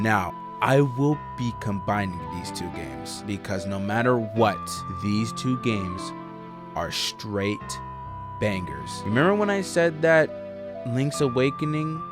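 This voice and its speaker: A young man giving casual, joking tier-list commentary on video games, excitable and chatting straight to his viewers. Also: mid-range voice. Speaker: gaming YouTuber.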